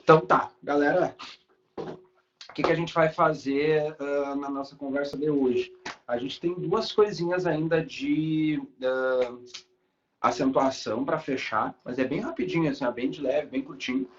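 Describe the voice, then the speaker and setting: A man's voice: fairly high pitch, steady tone, unhurried, lo-fi sound, a little hiss or hum. A young adult man, teaching a live online class in a casual, chatty way with light swearing. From Brazil.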